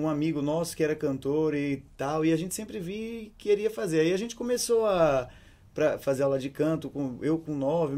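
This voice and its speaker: A young man from Brazil with a Brazilian Portuguese accent, a singer answering interview questions in a relaxed, chatty way. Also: on the high side. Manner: relaxed, chatty, with many fillers. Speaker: singer and songwriter, interview guest. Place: hotel room studio set.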